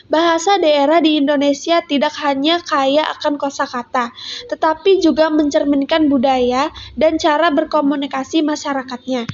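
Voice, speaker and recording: A woman student reading an educational narration in a steady, careful way. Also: high-pitched. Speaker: student presenter. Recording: dull lo-fi sound.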